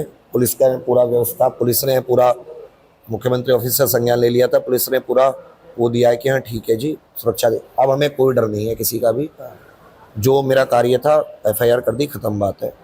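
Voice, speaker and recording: A man's voice: medium pitch, a little mellow, slight background noise. A man, a coaching teacher, answering interview questions in a defensive, insistent, rambling way.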